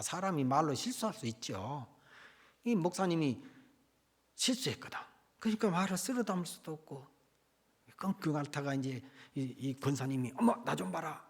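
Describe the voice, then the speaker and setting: Animated male pastor telling a story. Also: high voice. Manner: animated, swinging between loud and hushed. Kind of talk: storytelling sermon. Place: church.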